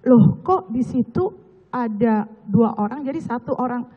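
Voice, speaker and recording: Hoarse high-voiced woman testifying in court. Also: measured pace. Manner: earnest, recounting events step by step with gestures. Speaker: witness. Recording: echoey hall, muffled lo-fi sound.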